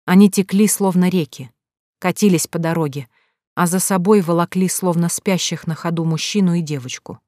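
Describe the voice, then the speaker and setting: A woman reading a fantasy audiobook in calm, even storytelling narration. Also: fairly low pitch, moderate pace, no room sound, clean studio sound. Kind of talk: scripted narration.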